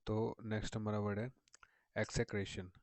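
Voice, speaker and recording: A male vocabulary teacher walks students through memory tricks step by step, patiently repeating himself and often checking in with "theek hai na". His low voice stays fairly level and flat, a little mellow, at normal speed, recorded close up in a dry room with no echo.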